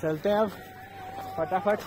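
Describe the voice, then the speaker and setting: A man's voice: high voice, measured pace, darkish tone, a little hiss or hum. A young man vlogging outdoors on a mountain trail, chatting casually to his viewers and calling them brother, filmed on a handheld camera. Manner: chatty, addresses viewers as bhai. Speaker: travel vlogger. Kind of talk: casual vlog chat.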